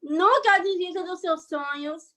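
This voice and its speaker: A woman from Bahia with a very high voice talks casually over a video call. She rambles and keeps checking that her listeners follow. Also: a little slow, pushed and bright, low-quality recording. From Bahia, Brazil. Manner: chatty, rambling, keeps asking "entendeu?" and "sabe?". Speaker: guest speaker, online creator.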